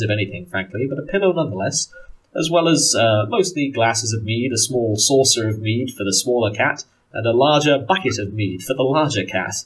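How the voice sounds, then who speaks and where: A man narrating a tabletop roleplaying game as game master, deliberate, pausing between descriptive phrases. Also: medium pitch, husky, low-quality recording.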